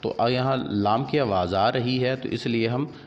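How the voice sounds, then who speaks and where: A man with an Urdu accent teaches a grammar lesson at an unhurried, deliberate pace, reading out examples one after another. The recording is dull and lo-fi, with a long reverb tail and faint hiss behind him. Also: mid-range voice.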